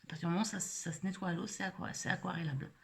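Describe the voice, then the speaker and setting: A woman's voice: lowish voice, steady tone, very fast, vocal fry. A middle-aged woman casually demonstrating a craft technique live, rambling with many hesitations and fillers. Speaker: scrapbooking vlogger.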